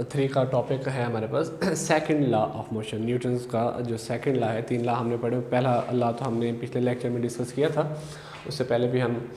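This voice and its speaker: A man teaching a physics lesson, asking himself questions and answering them step by step, and slowing down to recite English definitions. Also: medium pitch, darkish tone. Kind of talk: classroom lecture. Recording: echoey hall with faint background noise.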